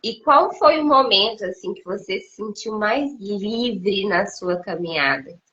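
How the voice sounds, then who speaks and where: A woman from Minas Gerais with a Mineiro accent hosts a relaxed, conversational interview. She asks questions and opens up about her own experience. Her mid-range voice sounds bright, and the live-stream audio is dull and lo-fi. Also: medium pitch, measured pace. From Minas Gerais, Brazil. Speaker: host.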